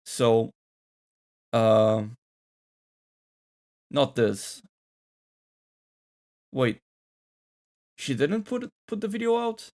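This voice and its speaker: A man's voice: mid-range voice, big pitch swings, drawn-out words, long pauses, darkish tone. A man hosting a gaming channel, thinking aloud and rambling through casual reaction commentary.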